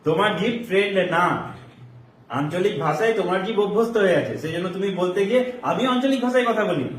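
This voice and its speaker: High-voiced man coaching a class. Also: expressive, a little fast, slight background noise. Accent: Murshidabad Bengali. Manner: explains with examples and checks understanding. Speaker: coaching teacher. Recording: echoey room, mic far off.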